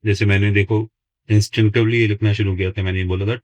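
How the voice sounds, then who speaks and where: A maths teacher with a deep, low voice walks through a lesson step by step. He slows down to dictate each number word by word as he writes it. The sound is dry and close, with no room echo. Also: level tone. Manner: slow, deliberate, dictates numbers word by word while writing.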